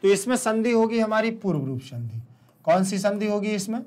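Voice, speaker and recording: A man's voice: high voice, sing-song, moderate pace, a little mellow. A man teaching a recorded online lesson with a Hindi accent, explaining step by step, repeating terms and answering his own questions. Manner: checks in with "ठीक" often.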